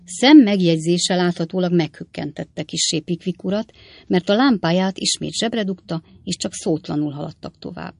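Gravelly woman reading an audiobook. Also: lowish voice, a little mellow, dry recording. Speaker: narrator. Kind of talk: audiobook narration.

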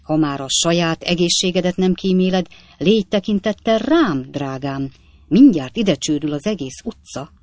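A timid, frightened husband in a storybook, read by a woman, begs his wife to calm down in a humble, pleading way. The voice stays close and dry. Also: on the low side, dry recording, close to an everyday voice.

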